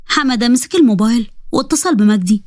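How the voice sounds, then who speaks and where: Fast-talking Egyptian woman storyteller. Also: a little high, animated, no echo, studio quality. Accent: Egyptian Arabic. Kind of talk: storybook narration.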